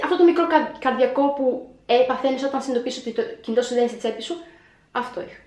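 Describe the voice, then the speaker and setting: A young woman telling a story in a vlog, animated, acting out her own panic as she retells it. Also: a little high. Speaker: vlogger. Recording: echoey room.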